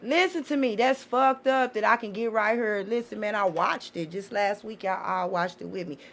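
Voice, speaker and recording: As a podcast guest, a woman gives her opinions in an impassioned, casual way, being blunt, emphatic and prone to swearing. She speaks at medium pitch and a moderate pace.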